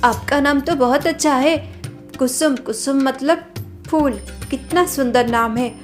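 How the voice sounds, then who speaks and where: A woman voicing a humble, gentle young woman, a maid's daughter, speaking politely and softly in a storybook drama. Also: high voice, measured pace, soft background music. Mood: meek. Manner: polite, gentle, soft-spoken.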